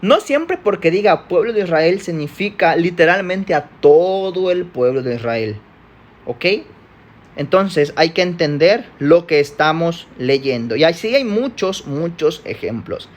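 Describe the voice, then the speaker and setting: A man's voice: a little high, expressive, measured pace. A man from Mexico with a Mexican accent, teaching a church Bible study lesson from slides in a conversational way, often checking in with listeners and correcting himself.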